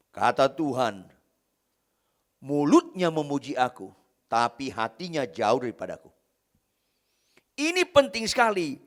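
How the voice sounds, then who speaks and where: Emphatic high-voiced male preacher. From Indonesia. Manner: emphatic preaching, repeating key phrases, swinging between loud and soft. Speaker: pastor. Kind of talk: sermon.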